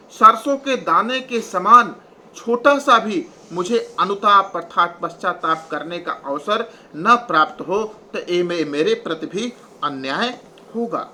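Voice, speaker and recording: A man teaching Hindi poetry, reciting verses slowly and then explaining them line by line in plain prose. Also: high voice, lively intonation, sharp tone. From India.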